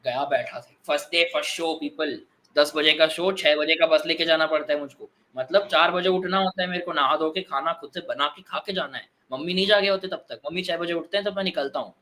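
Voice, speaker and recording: A young man telling movie stories in an animated, excitable way in casual chat, mixing in English phrases. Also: a little high, a little fast. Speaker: guest.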